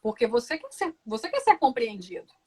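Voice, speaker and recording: A woman who is a law professor and lawyer, answering interview questions in a measured, reflective way and often ending phrases with "né?". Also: on the high side, very animated, darkish tone, husky.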